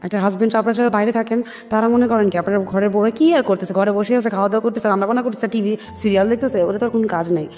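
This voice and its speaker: A woman at medium pitch, her intonation fairly even and her tone a little mellow, races through her life story in an interview. Her Bangladeshi accent comes through as she speaks earnestly and emphatically, voicing remembered exchanges. The recording is reverberant, with music behind her.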